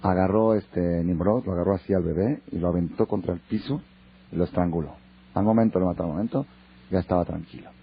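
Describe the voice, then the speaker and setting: A man with a Mexican accent, a rabbi teaching a Torah class in a lively storytelling way. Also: deep voice, quick pace, slightly rough. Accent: Mexican Spanish. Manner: lively, acts out dialogue. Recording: dull lo-fi recording.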